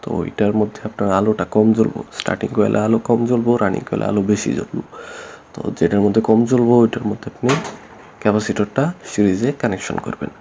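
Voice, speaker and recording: Speaking fast in a low, gravelly yet mellow voice with a level tone, a man explains electrical work as an electrician instructor. His casual tutorial is plain and repetitive, full of fillers, captured in dull lo-fi audio with faint noise.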